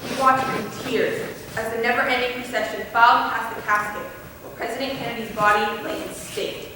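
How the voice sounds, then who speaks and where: A young woman playing an earnest female high school student, giving a measured, heartfelt stage speech. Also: fairly even intonation, noisy background, lightly acted. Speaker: student actor. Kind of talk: stage play speech to a class. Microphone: distant room mic. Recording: echoey hall from far off.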